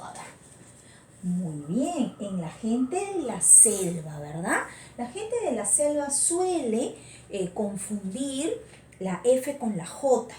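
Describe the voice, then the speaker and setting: Animated Peruvian teacher, echoey room. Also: female voice, fairly high pitch, slight background noise. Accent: Lima Peruvian Spanish. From Peru. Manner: asks frequent check-in questions. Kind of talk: online class lecture.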